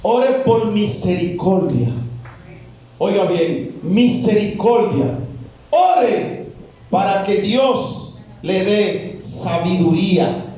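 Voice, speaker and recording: A high-pitched man preaches slowly to his congregation. He drives each point home with repeated words. His voice carries from away from the mic in a strongly echoing church. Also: lively intonation, warm tone, distant mic. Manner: preaching, rising and falling with emphatic repeats. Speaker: pastor. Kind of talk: sermon.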